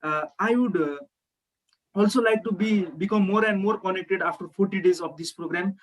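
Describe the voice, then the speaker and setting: A young man with a Nepali accent speaks over a video call in a high voice. He shares his experience earnestly and politely, pausing often on fillers as he gathers his words. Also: rough recording. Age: young adult. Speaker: participant sharing experience. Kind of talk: testimonial on an online call.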